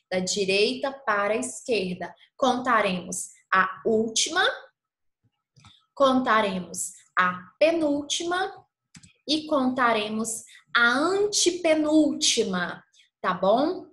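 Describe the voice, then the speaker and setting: Lady teacher, slow and patient, keeps asking tá bom, roomy echo. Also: medium pitch, fairly bright tone. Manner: slow, didactic, stretches out example words, frequent "tá bom?" check-ins. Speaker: schoolteacher. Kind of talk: recorded classroom lesson. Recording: echoey room.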